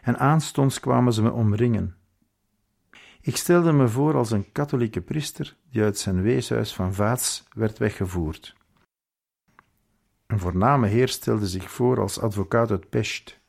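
A man reading a first-person memoir aloud in a measured, earnest way. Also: lowish voice, vocal fry, darkish tone. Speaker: audiobook reader.

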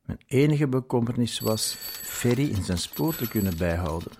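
A man reading a story aloud in a measured, scripted narration. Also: medium pitch, animated, darkish tone, slight background noise.

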